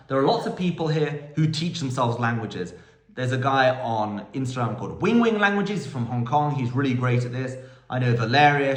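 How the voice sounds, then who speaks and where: Recorded in an echoey room, this British man in his 30s has a medium-pitched, slightly bright voice. He owns a language school and vlogs as a polyglot, and here he answers questions about language learning in a casual, enthusiastic monologue that wanders off on tangents.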